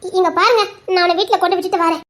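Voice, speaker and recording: A woman doing a fretting young policewoman mom, very high voice, fast talk, Tirunelveli Tamil accent. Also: fairly even intonation, fairly bright tone. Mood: protesting. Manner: quick, pleading, protesting. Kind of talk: comedy skit acting.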